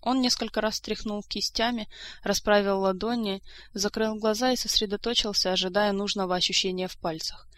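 A woman narrating an audiobook in a steady, even reading voice. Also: mid-range voice, brisk. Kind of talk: scripted narration.

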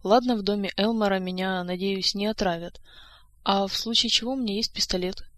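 A woman reading the part of a lively, outspoken young heroine, sounding eager and easily indignant. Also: medium pitch, a little fast, natural voice. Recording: dry close-mic studio sound.

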